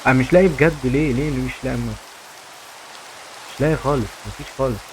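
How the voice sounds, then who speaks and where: This is a young man with an Egyptian accent giving casual commentary on his own gameplay. He talks fast and chatty, often repeating phrases to his viewers. Rain and clicking sounds come through clearly in the recording. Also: medium pitch, darkish tone, a little hiss or hum. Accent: Egyptian Arabic. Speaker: gaming YouTuber.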